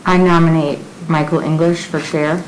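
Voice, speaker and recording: A woman's voice: sits low, little pitch movement, normal speed, slight background noise, low-quality recording. A woman on a board, making brief formal nominations and seconds. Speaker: board member. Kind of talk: speaking at a board meeting.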